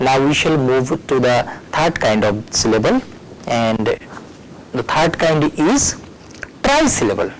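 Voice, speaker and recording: Male teacher at a board, mid-pitched, patient, spells words out letter by letter, faint rumble behind. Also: low-quality recording. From Tripura, India. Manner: spells words letter by letter, switches between Bengali and English. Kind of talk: recorded board lesson. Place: at a board, erasing and writing.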